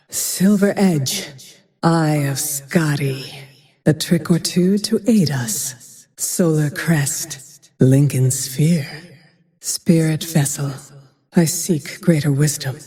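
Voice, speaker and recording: Vengeful ranger heroine, dark mellow tone, long reverb, terse brooding lines, fantasy game. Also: female voice, deep voice. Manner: measured, terse, brooding delivery. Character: grim, vengeful, haunted female ranger hero. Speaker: video game voice actor. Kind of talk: fantasy game hero voice lines, short barks.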